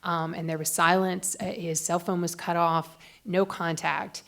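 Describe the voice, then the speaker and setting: A woman's voice: on the low side, flat delivery, a little slow, gravelly, fairly bright tone. A woman reporter speaking on a panel, telling a story in a chatty way with many fillers. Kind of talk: anecdotal panel talk.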